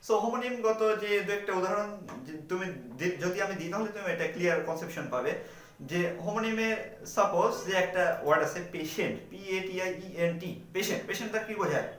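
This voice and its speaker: A man's voice: sits high, fast talker, fairly bright tone. A man giving an explanatory lecture, asking and answering his own questions. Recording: echoey room, mic at a distance.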